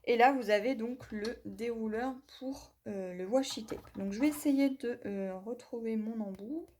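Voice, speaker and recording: A woman with a fairly high, slightly mellow voice and a measured pace reviews a craft tool, demonstrating it hands-on. In a chatty manner she talks viewers through each step, using lots of "voilà" and "hop," and apologizes for her English pronunciation.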